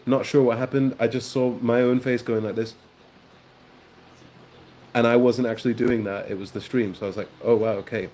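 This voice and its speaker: A man hosting a live stream, chatting casually with viewers in a relaxed way, with frequent ums and soft laughs. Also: mid-range voice, moderate pace, pauses often. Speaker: host of a live watchalong stream.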